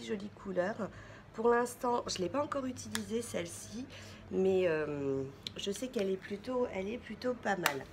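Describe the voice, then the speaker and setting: A woman's voice: medium pitch, a little hiss or hum. Chatty French-speaking woman beauty vlogger. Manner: chatty, full of fillers and self-corrections. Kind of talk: chatty haul video.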